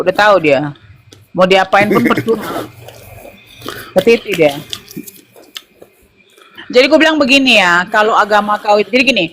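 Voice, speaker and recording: A high-pitched man, loud and mocking in a heated group talk. His sharp, bright voice throws out insults, and a faint noise runs under it.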